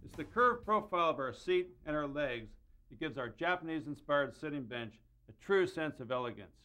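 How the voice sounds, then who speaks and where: A man's voice: a little high, animated, normal speed, pushed and bright, faint music behind. Middle-aged man explaining woodwork in his workshop. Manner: clear, methodical explaining with mild enthusiasm. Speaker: host and woodworker. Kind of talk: instructional woodworking demonstration. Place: indoor wood workshop.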